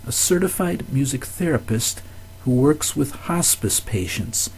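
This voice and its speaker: An older man giving a recorded course lecture, telling anecdotes in a measured, instructive way. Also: medium pitch, expressive, a little mellow, slight background noise.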